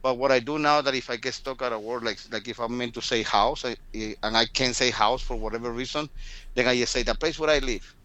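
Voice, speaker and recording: Talking a little fast in a bright, forceful mid-range voice, this guest storyteller chats casually in an interview over a remote call. He is a man in his fifties from Guatemala with a Spanish accent in English who sometimes repeats words in a mild stutter, and the recording quality is low.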